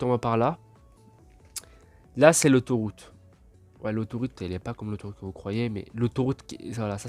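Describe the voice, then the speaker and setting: A man's voice: mid-range voice, a little mellow. A young man giving a casual, rambling tour of his game build, full of fillers and self-mocking asides. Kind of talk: casual gameplay walkthrough.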